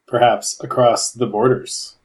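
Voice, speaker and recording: A man with a Canadian accent co-hosting a podcast, relaxed and self-deprecating as he reads out definitions. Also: medium pitch, measured pace, rough recording. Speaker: podcast co-host. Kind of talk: casual podcast chat.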